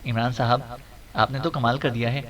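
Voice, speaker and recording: A man's voice: medium pitch, fairly even intonation, heavy background noise, natural voice. A man voicing a loyal male agent who speaks in a respectful, surprised way, recorded on a distant mic.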